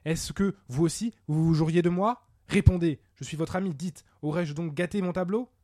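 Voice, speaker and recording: Un homme qui interprète un vieux peintre, fier et tourmenté, à la voix haute et tendue, déclamant avec passion. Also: male voice, lively intonation, moderate pace, a little mellow, no room sound, studio quality, natural voice. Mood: furious. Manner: declaiming, highly emotional. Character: old male painter, proud, then desperate.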